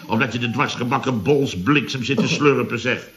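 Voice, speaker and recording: Here a male actor takes on the role of a middle-aged builder boss, sarcastic, grumbling and exasperated, blustering like a character from 1970s Dutch radio comedy. The voice is mid-range and fairly bright, moving at a moderate pace with a light touch of acting.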